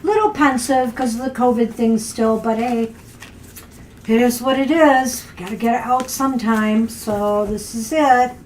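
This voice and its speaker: A woman's voice: on the high side, steady tone, a little slow, a little mellow, slight background noise. A woman co-hosting a casual tarot live stream, chatty, encouraging and upbeat as she reads cards for viewers. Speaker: tarot reader, co-host.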